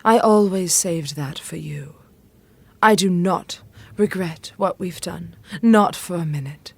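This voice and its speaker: A woman's voice: on the low side, slow, gravelly, husky, full character voice. An actress playing an anxious, devoted middle-aged widowed queen in an audio drama, with refined, earnest and emotive delivery. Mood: tender.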